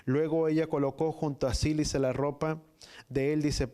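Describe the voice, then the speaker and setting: A man preaching a sermon, reading scripture in halting phrases and repeating "dice" between them. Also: fairly high pitch, level tone, mellow. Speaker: pastor.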